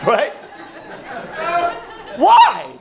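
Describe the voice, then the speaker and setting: Brash New Jersey comic, high and lively. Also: male voice, very slow, creaky. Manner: brash, animated, profane, sings and shouts bits. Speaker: stand-up comedian. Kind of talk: stand-up comedy set. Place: comedy club stage before a laughing audience. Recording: live club crowd audible.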